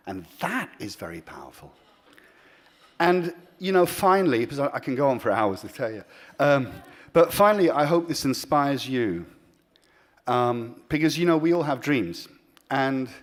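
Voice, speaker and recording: A man giving an earnest award acceptance speech as a charity founder, with many pauses and restarts, swinging between emphatic and soft delivery. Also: mid-range voice.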